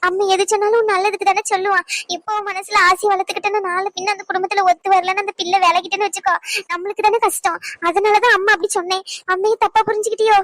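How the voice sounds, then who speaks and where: A woman's voice: very high-pitched, flat delivery, quick pace, a bit bright, no room sound. A woman voicing a devoted middle-aged mother in a cartoon, who coaxes and pleads tenderly. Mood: pleading. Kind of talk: cartoon voice acting.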